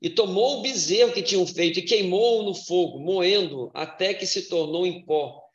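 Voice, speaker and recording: Man lecturing in a roomy, dull-sounding hall. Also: high voice. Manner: measured, explanatory, with hesitant fillers. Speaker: church music lecturer. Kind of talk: church lecture with scripture reading.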